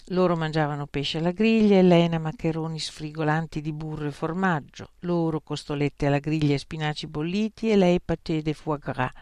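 An audiobook narrator reading a story in a measured storytelling manner. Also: mid-range voice, a little mellow, smooth, dry recording, clean studio sound. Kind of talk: scripted narration.

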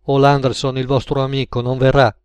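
A man voicing a calm young male counterman in an audiobook, steady and matter-of-fact. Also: medium pitch, brisk, smooth, no room sound, lightly acted.

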